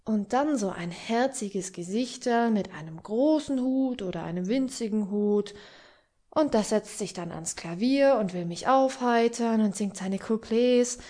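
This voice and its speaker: A jaded young gentleman from an audiobook, as a woman reads him, bored and resigned. He drags along slowly in a dark, mellow tone. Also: on the high side, animated. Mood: weary. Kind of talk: audiobook reading.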